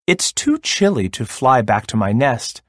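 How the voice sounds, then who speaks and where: A man voicing a big, loud, silly mother bird in a storybook tale. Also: medium pitch, very animated, a little slow, no room sound, clean studio sound. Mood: chatty.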